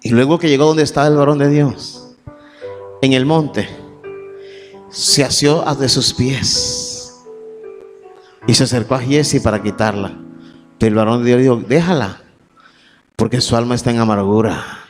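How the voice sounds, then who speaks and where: A man preaching a sermon, reading scripture verses and then building to shouted emphasis. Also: medium pitch, fairly even intonation, measured pace, long pauses. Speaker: pastor. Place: church sanctuary. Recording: long church reverb, faint music.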